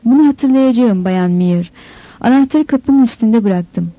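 Woman voicing a guarded young man, polite, evasive, mellow, audiobook. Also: fairly high pitch, expressive, unhurried, no echo, poor audio.

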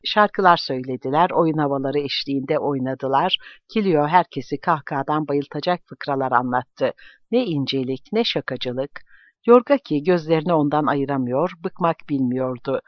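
A man narrating a novel in a measured, even storytelling manner. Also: a little high, no echo. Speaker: audiobook narrator. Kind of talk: scripted novel reading. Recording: dull lo-fi dry recording.

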